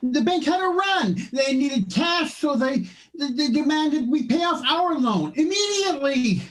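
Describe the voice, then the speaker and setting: Woman as frantic, high-pitched Uncle Billy. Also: lively intonation, unhurried, poor audio. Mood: panicked. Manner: frantic, repeating words. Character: panicky, flustered old Uncle Billy, small-town banker. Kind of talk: radio play acting.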